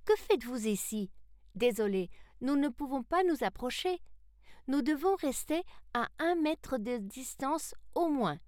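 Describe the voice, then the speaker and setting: A woman voicing a friendly young boy in a storybook, with a high voice calling out loudly. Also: animated, unhurried, no echo, clean studio sound. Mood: cheerful.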